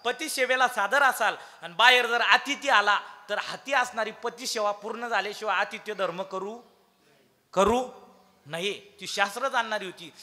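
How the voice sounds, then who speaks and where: A man giving a devotional kirtan sermon, telling a story. He swings between loud declaiming and hushed asides and keeps quizzing the audience. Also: sits high. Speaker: kirtan preacher.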